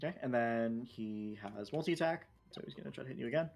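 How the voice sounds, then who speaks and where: An easygoing man at a middle pitch runs a tabletop game as its game master. He calls out dice rolls and rulings in a steady way, often stopping on an um or uh. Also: fast, gravelly, faint music behind. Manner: steady rules talk with frequent fillers.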